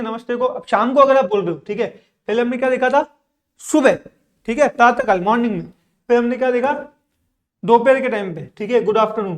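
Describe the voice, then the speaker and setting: A man teaching English in an online video lesson. He asks a question, answers it himself, keeps checking in with "ठीक है", and repeats each word twice. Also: high voice. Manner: says "ठीक है" often to check that listeners follow.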